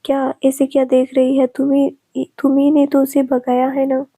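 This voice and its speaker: A woman's voice: sits high, monotone, normal speed, mellow, no echo. A woman reading a storybook, voicing an angry young man whose bride has run off, in an accusing, scolding manner.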